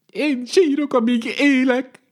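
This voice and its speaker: A man voicing a merchant's young daughter in a folk tale who refuses her suitor, in a high wailing voice. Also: fairly even intonation. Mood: weeping.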